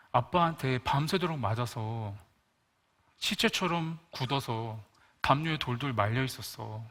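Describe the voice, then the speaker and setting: A grieving younger sister speaks slowly and quietly, full of old hurt, as a preacher voices her in his story. Her words come low and soft, and her tone is bright but hushed. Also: natural voice.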